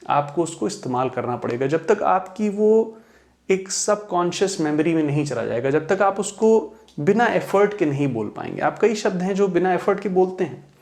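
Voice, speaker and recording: A man from India gives a patient pronunciation lesson in Hindi. His fairly high voice carries a gravelly edge. He slows right down to spell words letter by letter and repeat model sentences in English. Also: darkish tone. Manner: patient, encouraging explanation.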